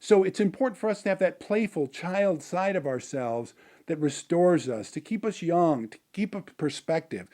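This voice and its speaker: A man's voice: fairly high pitch, expressive, moderate pace, mellow. A middle-aged man, a motivational business speaker, telling a personal story in a rambling way, with many fillers and restarts.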